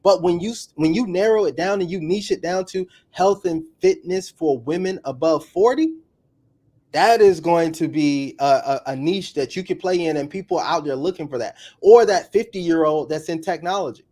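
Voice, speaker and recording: A man with a fairly high-pitched voice talks casually as a guest coach. He speeds up and gets animated when an idea excites him. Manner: energetic, fast bursts of enthusiasm. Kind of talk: casual interview talk.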